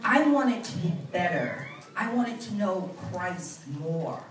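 An older woman gives a church testimony into a handheld mic, unhurried and a little low, climbing now and then into fervent bursts. Her voice carries from a distance through an echoing sanctuary, with a faint hiss underneath. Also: lively intonation. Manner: earnest, building to fervent bursts. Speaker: church minister. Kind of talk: testimony speech. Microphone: handheld mic, far camera. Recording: roomy church sound from far off.

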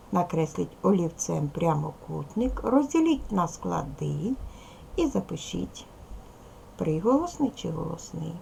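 A woman's voice: mid-range voice, vocal fry, a little hiss or hum, rough recording. A woman primary school teacher giving a recorded video lesson to young pupils, patiently explaining, asking questions and praising answers.

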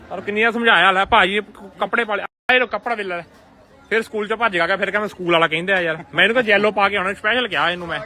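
A man's voice: high-pitched, rapid-fire, pushed and bright. A man with a Punjabi accent hosting a casual vlog with exclamatory, slangy commentary and banter. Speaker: family vlogger hosting a wedding event. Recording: busy outdoor recording with crowd chatter. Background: crowd chatter outdoors.

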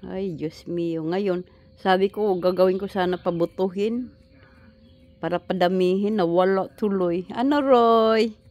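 Filipino lady talking slow to her chickens outside, coaxing baby talk, phone held low. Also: steady tone, darkish tone. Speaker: vlogger feeding her pet chickens. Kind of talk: casual chat to pets and camera. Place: outdoors on a patio lawn. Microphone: handheld phone pointed down.

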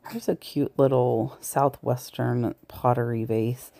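A thrift reseller vlogger chats to viewers while browsing the shelves of a large thrift store, recorded from her point of view on a body-worn camera mic. Her bass voice is gravelly and dark, steady in tone and slow. It's casual shop-with-me narration, and now and then she drops to a whisper.

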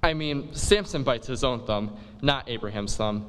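Dude retelling an old play in slang, says like a lot, voice in the middle, lots of hall echo. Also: male voice, mid-range voice, normal speed, fairly bright tone. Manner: laid-back slangy dude talk with many "like"s. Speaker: comic performer. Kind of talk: comic monologue retelling a play.

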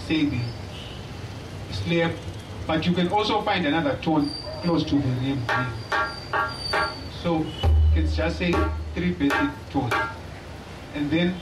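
Giving a halting, friendly lecture-demonstration on drumming from a small stage hall, the young Zimbabwean-accented speaker talks without hurry and pauses often. His voice is a little high. The far-off camera recording of his stand mic picks up echo and noticeable noise.

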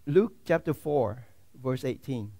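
A man preaching a sermon as a pastor in a church, swinging from loud, fervent declarations to hushed, quiet asides. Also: medium pitch, expressive, slow.

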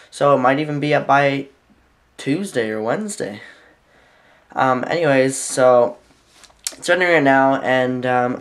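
A man who is sick, chatting casually in a vlog as he edits videos, rambling with lots of fillers and correcting himself. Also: medium pitch. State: sick, with a sickly voice. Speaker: vlogger. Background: faint music playing.

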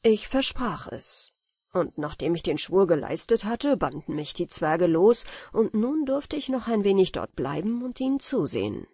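Storybook narrator, woman, husky, calm bedtime reading, dry. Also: mid-range voice, normal speed, dry recording. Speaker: audiobook narrator.

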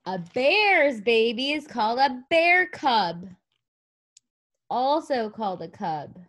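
Unhurried, higher-voiced woman reading to a toddler. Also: big pitch swings, a bit bright. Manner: simple, deliberate phrasing with repetition and questions. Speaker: teacher reading a picture book aloud. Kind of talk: read-aloud for young children, like reading to a toddler. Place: living room sofa, indoors.

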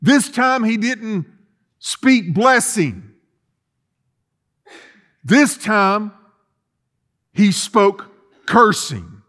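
Very slow and very animated, with long pauses, a middle-aged pastor preaches in a high, fairly bright voice. The emphatic sermon, rich in repetition and rhetorical questions, was recorded in a church sanctuary with empty chairs.

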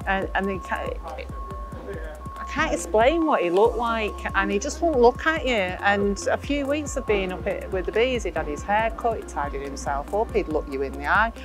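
A middle-aged woman talks in an earnest, animated way during an outdoor interview. Her voice is mid-pitched, and clear music runs behind her. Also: moderate pace. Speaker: volunteer beekeeper. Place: outdoors, garden. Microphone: lapel.

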